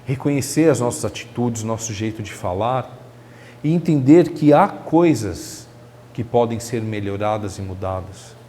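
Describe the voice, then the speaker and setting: A man's voice: on the low side, expressive, unhurried, dark tone, in a large hall. A man giving a spiritist lecture in a chatty way, asking the audience rhetorical questions. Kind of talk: religious lecture. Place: lecture hall of a spiritist center.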